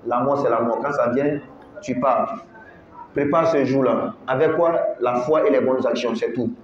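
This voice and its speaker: A man's voice: medium pitch, fairly even intonation, a little hiss or hum. Man teaching Quran recitation. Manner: drills pronunciation slowly, syllable by syllable. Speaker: religious teacher. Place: mosque. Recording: echoey, muffled room recording.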